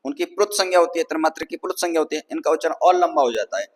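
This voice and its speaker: A man lectures on Sanskrit grammar in a slightly raised voice, pausing to ask whether listeners follow. He stretches vowel sounds to demonstrate length, and his voice rings with a long reverberant tail. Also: fairly high pitch, sing-song. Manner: patient, repeats "ठीक है ना" to check understanding; draws out vowels to show their length. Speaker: Sanskrit teacher. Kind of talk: explanatory lecture.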